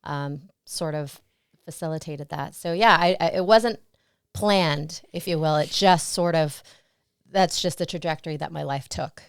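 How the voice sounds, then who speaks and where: Woman, interview guest, clear smooth voice, dry close sound, reflective, laughs now and then. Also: low-pitched, a little slow, no echo. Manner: reflective, storytelling, laughs often. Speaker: interview guest, stunt performer and actress. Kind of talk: casual interview conversation.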